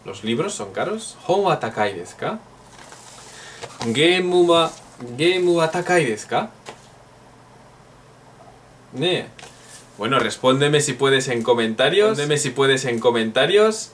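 A man's voice: fairly high pitch, fairly bright tone, distant mic, slight background noise. A man from Spain, teaching a playful online Japanese lesson and drilling phrases aloud.

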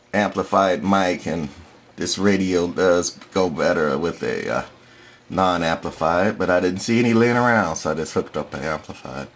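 A man with a deep voice, recorded with a little hiss or hum, casually demonstrates a vintage radio in his workshop. A radio collector, he narrates the hands-on demo matter-of-factly, repeating test words into the mic.

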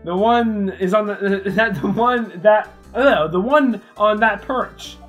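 A woman's voice: medium pitch, slow pace, faint music behind. A woman co-hosting a game play-through in casual chat, easygoing, often answering in short agreeing words. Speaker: let's play co-host.

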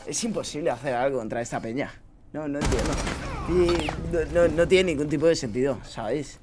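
Ranting young Spanish gamer. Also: male voice, a little high, a little fast, heavy background noise. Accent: Spain. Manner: ranting, swears a lot. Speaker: gaming streamer. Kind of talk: casual gameplay commentary. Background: game sounds.

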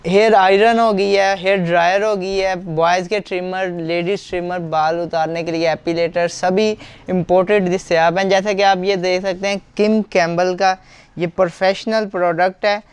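A young Pakistani man, a shopkeeper giving an eager, teleshopping-style sales pitch for bargains in his shop. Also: little pitch movement, normal speed, clear, resonant tone. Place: inside a busy homeware shop. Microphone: clip-on lapel mic.

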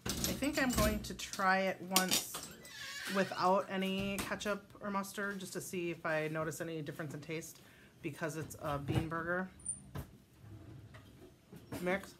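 This middle-aged woman from Wisconsin, a home cooking vlogger, talks in a lowish, flat, unhurried voice with long pauses while cooking. Her accented, filler-heavy rambling moves between the kitchen and dining table over background noise.

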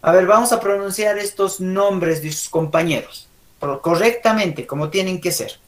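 A man's voice: high-pitched, moderate pace. Bolivian male teacher with check-ins. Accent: Bolivian Spanish. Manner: corrective, asks frequent check questions. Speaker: language teacher. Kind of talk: online class lecture.

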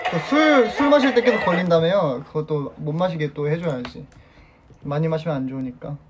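A man's voice: a little high, animated, a little fast. A young man in his twenties hosting a casual live stream, reading viewer comments aloud in a playful way and laughing often. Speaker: idol band member hosting a solo live stream. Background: music playing.

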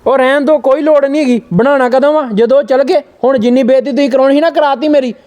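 A man plays a defiant grown son who berates and answers back in a very high voice. He rattles off rapid complaints. This is a home-made family skit. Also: steady tone, a little mellow. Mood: scolding. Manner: rapid scolding, talking back. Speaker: son Sahil. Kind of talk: amateur family skit acting.

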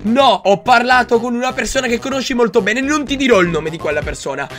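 Theatrical high-voiced Italian gaming host. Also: male voice, expressive, fast. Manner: theatrical, swings from hushed to shouting. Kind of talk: dramatic gaming skit narration. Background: music.

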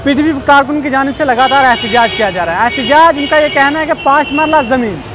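A young man reporting to camera with a handheld mic at a roadside, in steady, formal news delivery. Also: very high-pitched, fairly quick, crowd noise. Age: young adult. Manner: steady formal reporting with Urdu-heavy wording. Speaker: field reporter. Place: roadside outdoors by traffic. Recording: faint traffic noise outdoors. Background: faint street traffic.

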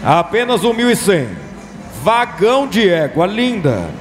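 A man's voice: high voice, sing-song, measured pace. A Brazilian man working as an auctioneer, calling bids in repetitive, insistent chants. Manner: repetitive, insistent selling patter. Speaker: livestock auctioneer. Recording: long hall reverb, music behind.

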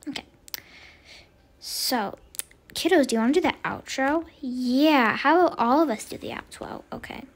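Chatty woman gamer narrating roblox roleplay, high voice, playful, little whispered asides. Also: lively intonation, normal speed, pauses often. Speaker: gaming channel host. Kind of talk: Roblox role-play commentary.

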